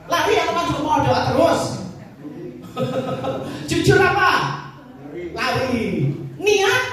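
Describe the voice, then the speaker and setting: A woman pastor preaching a sermon, telling stories in an animated way with many exclamations. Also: high-pitched. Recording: echoey hall from far off, faint noise.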